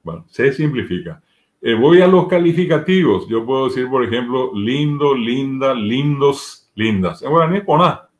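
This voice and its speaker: A man with a Paraguayan Spanish accent, speaking at a mid pitch that is neither high nor low. He explains grammar patiently and step by step, working through spoken examples one by one, in the manner of a teacher answering in an interview. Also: expressive, moderate pace. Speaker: Guarani language teacher.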